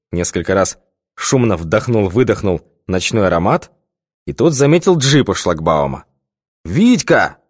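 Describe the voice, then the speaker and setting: A man narrating an audiobook in an expressive, varied reading. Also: fairly low pitch, no echo, studio quality. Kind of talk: scripted narration.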